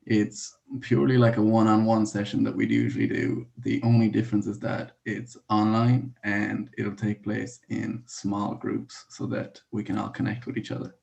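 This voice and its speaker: A man playing a middle-aged psychiatrist who calmly leads an online group therapy session. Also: fairly low pitch. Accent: Irish. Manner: calm, measured host of the session. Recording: gravelly voice over dull video-call audio.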